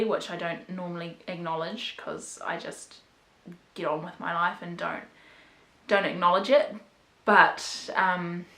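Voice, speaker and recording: A woman's voice: on the low side, fairly bright tone. Rambling New Zealand woman in an echoey bedroom. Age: 20s. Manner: rambling, candid, self-deprecating. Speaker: vlogger. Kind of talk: casual confessional vlog. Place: bedroom at home.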